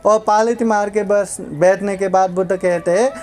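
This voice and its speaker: A man's voice: high-pitched, steady tone, normal speed, a little mellow. A man, a Buddhist monk, telling a story in a sermon. He repeats phrases and checks in with his listeners.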